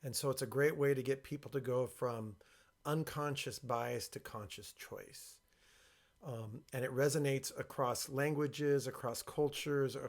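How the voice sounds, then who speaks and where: A man presenting informally and explaining his work, speaking with a box over his head, in a creaky voice. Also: mid-range voice, a little slow. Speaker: workshop creator and presenter.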